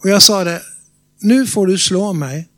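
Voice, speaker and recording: A man with a Norrland Swedish accent delivers a sermon. His voice sits high for a man, and he tells the story dramatically. He turns to the congregation with questions. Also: pushed and bright. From Norrland, Sweden. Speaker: preacher. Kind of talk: sermon testimony.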